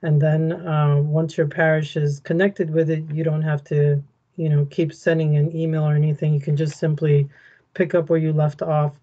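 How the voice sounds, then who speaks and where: A woman explaining a website during a screen share in an online meeting, talking in a steady, explanatory way. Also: low-pitched, moderate pace, lo-fi sound. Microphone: video call.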